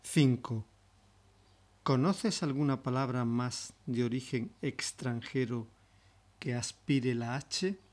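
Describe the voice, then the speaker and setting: Guy narrating a language lesson, really slow and careful, normal pitch. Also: a little mellow. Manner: slow, measured, deliberate delivery. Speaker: language teacher. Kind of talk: scripted educational narration.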